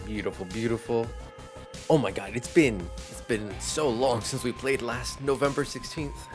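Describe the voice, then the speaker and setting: A man's voice: medium pitch, normal speed, music in the background. Rambling, profane young male streamer. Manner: rambling and profane, with many fillers. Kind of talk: casual live-stream chat.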